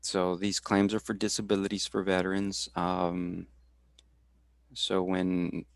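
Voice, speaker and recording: A man in his forties from Texas, talking through his career in a halting way, with many fillers and restarts, over a video call. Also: deep voice, monotone, no echo. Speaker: guest speaker. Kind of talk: casual career talk.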